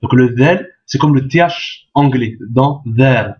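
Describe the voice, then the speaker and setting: A man's voice: mid-range voice, slow. Patient man teaching a lesson, lo-fi sound. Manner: patient, repeats each point, checks with "d'accord?". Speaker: Arabic teacher. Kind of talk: step-by-step language lesson. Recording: dull lo-fi sound.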